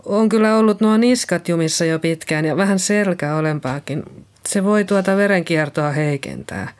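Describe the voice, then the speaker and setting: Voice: medium pitch, lightly acted. An audiobook reader voicing a shaken middle-aged woman nurse who is being questioned by police, talking in a hesitant, apologetic way. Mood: nervous. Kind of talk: audiobook character reading.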